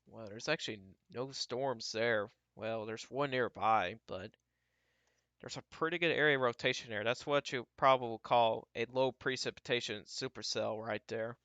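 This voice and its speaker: A man giving casual, off-the-cuff live weather radar commentary as a livestream storm tracker, halting and repeating himself as he talks through what he scans. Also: mid-range voice, bright, forceful tone, no echo, dull audio. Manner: talks to himself while scanning, halting and repetitive.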